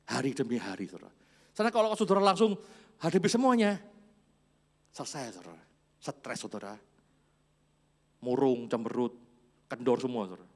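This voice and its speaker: A man in his forties preaching a church sermon, storytelling with chuckles and quiet asides. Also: medium pitch, big pitch swings, moderate pace, pauses often. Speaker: pastor.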